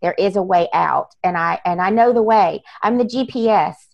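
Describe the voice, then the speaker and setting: Woman interview guest, earnest, run-on lists, gravelly voice, dull lo-fi sound. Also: mid-range voice, normal speed, no echo. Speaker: author guest. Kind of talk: casual interview talk.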